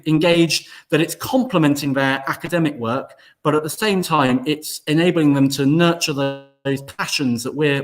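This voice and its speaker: Man, headteacher, steady presenting voice, video call. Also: medium pitch. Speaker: school head. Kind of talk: virtual event talk.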